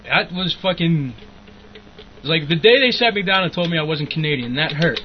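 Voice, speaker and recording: A man's voice: on the high side, animated, moderate pace. A young man co-hosting a podcast in crude, profane casual chat, rambling and laughing often. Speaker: podcast co-host. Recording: muffled lo-fi with faint noise.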